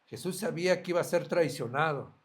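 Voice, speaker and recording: A man's voice: fairly high pitch, fairly quick. A man preaching a sermon as a pastor, earnest, asking his listeners direct questions.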